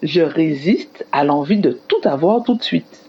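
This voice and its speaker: A woman teacher giving a scripted radio lesson to children in an expressive, explanatory manner. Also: sits low, a little slow, breathy edge, dull audio. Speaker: primary school teacher on radio.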